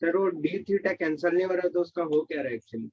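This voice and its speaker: A man's voice: on the high side, expressive, fairly quick. A man, a student, politely asking his teacher a question in class. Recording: echoey room, dull lo-fi sound.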